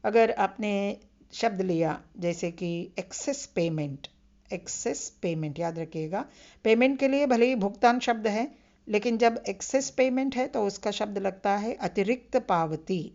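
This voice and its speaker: A woman teaching a vocabulary lesson, pacing herself patiently and going over each key term again. Her voice sits at a middle pitch. The recording sounds a little dull and lo-fi. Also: measured pace, darkish tone. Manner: patient, repeats key terms with reminders to remember. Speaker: Hindi lecturer. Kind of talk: recorded online lecture.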